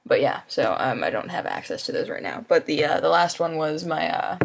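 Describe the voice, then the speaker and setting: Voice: mid-range voice, big pitch swings, fairly quick, vocal fry. A tired young adult vlogger rambling casually, with lots of ums and offhand swearing. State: sleepy and tired.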